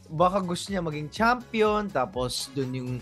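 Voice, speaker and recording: A Filipino co-host chatting playfully in a mix of Tagalog and English, now and then bursting into loud laughter. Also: medium pitch, animated, a little slow, soft background music. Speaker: online show co-host. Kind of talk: lively chat mixing Tagalog and English.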